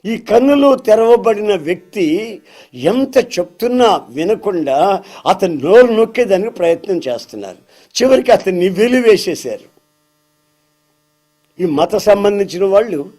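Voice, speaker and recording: A man's voice: sits high, lively intonation, normal speed, long pauses, mellow. A man preacher giving a storytelling sermon, addressing his listeners as dear brothers.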